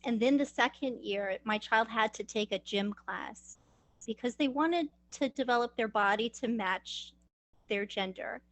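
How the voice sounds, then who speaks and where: Emotional woman giving halting testimony. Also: fairly high pitch, a bit bright, dry recording, rough recording. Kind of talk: personal testimony at an advocacy training.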